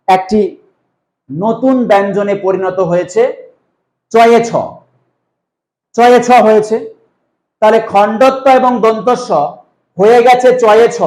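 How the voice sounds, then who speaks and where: High-voiced man teaching in an echoey room. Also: a little mellow. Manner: drawn-out explaining, asks questions then answers them himself. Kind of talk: exam-prep grammar lesson.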